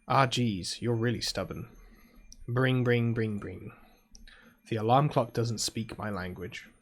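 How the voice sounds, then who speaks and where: A British man with a mid-range, unhurried voice reads a visual novel aloud. He voices a sleepy, proud teenage girl mage in the first person, drowsy and grumbling.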